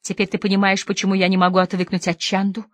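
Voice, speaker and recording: A woman's voice: mid-range voice, completely flat delivery, fast, no echo, clean studio sound, natural voice. A woman playing a tormented opium-dreaming lady. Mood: dreamy. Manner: pleading, swings between soft murmurs and sudden outbursts. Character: tormented opium-addicted woman, pleading, feverish.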